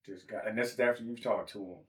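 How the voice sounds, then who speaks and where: A man's voice: lowish voice, fairly even intonation, fast. Playful man host, off-mic. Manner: playful, joking. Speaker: podcast host. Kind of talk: casual podcast chat. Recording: distant from the mic.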